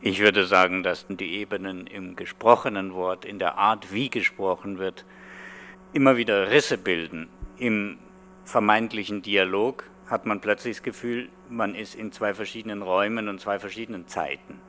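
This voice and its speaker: A man's voice: fairly low pitch, fairly even intonation, moderate pace, sharp tone. A man, a professor, giving analytical commentary in an interview. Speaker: philosophy professor. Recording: humming, faintly noisy background.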